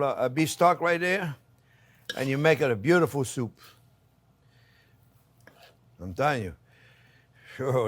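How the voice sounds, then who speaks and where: A man hosting a cooking demonstration, talking casually and playfully to viewers as friends, with exuberant, repeated catchphrases. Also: mid-range voice. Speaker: chef hosting a cooking channel.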